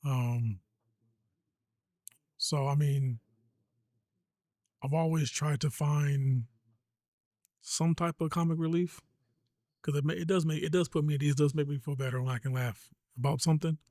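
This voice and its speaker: A man's voice: a little high, fairly even intonation, measured pace, pauses often, mellow, no room sound, studio quality. A man speaking in a laid-back, candid way in a casual podcast talk, swearing casually.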